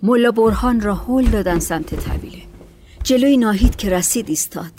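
A woman narrating a story in a soft, hushed reading voice. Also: on the high side, background noise. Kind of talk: audiobook narration. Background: faint music.

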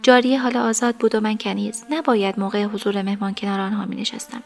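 A woman narrating a story in an even, measured voice. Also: medium pitch, creaky.

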